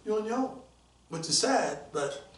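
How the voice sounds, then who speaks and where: A man around sixty, a police detective guest telling stories in a casual interview. He is animated and acts out the voices of people he quotes. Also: high voice, normal speed. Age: about 60. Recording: roomy, mic at a distance.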